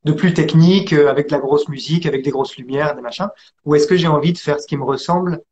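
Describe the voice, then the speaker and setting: A man from France telling his story as an interview guest, hesitant with many pauses and restarts. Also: fairly high pitch, a little mellow, lo-fi sound. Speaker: interview guest, acrobat and actor.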